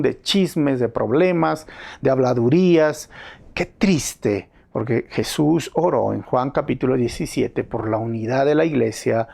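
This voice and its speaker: A man with a Peruvian Spanish accent preaching a sermon as pastor, earnest and swinging between hushed and emphatic lines. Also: mid-range voice, gravelly.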